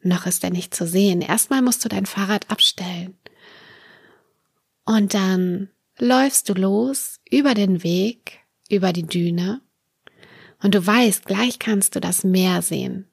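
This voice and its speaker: A woman leading a guided meditation, narrating a dream journey gently and soothingly in short, calm phrases with pauses. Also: mid-range voice, vocal fry, slightly rough, no echo, studio quality.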